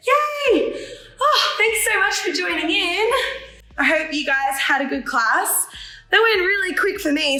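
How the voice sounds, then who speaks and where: A woman's voice: high voice, bright, forceful tone. A woman leading a follow-along pilates workout, upbeat and encouraging, counting down reps and a little out of breath. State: slightly out of breath. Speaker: pilates instructor. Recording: roomy echo, distant from mic, faint music.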